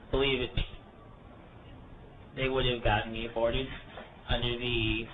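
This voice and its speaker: Man with a cold testifying, flat delivery. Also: medium pitch. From South Korea. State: has a cold. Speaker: citizen testifying. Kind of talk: public testimony. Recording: distant, phone-like, faint hiss.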